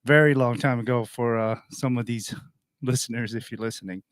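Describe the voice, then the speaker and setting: A Portuguese radio host in his forties tells his life story in a rambling monologue, often restarting and correcting himself. His medium-pitched voice is steady at a normal speed, captured in clean studio sound with no echo.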